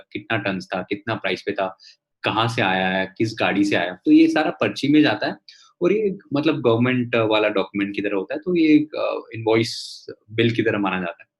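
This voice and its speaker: A man talking casually as a guest entrepreneur on a video call, with many fillers and restarts. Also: mid-range voice.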